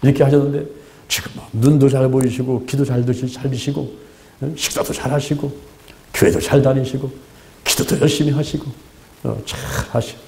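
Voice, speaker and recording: A man's voice: medium pitch, brisk, creaky, dark tone, slight background noise. An older man preaching a sermon as a pastor, emphatic and repetitive, asking the congregation rhetorical questions. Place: church.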